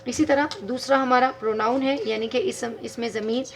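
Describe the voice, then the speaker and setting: A woman's voice: fairly high pitch, steady tone, normal speed, slight background noise. A woman teaching English grammar in a video lesson, patiently explaining step by step and spelling words out letter by letter.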